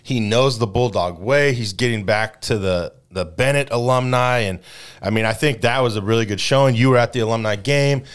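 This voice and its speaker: A man's voice: medium pitch, normal speed, smooth. A man co-hosting a casual sports podcast, talking emphatically and teasing his co-host.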